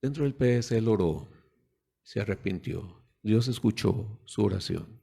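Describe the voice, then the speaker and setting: A man's voice: on the low side, animated, measured pace, creaky, warm tone, slightly rough. A man preaching a sermon in a conversational way, putting rhetorical questions to the congregation and acting out the voices of parents and children.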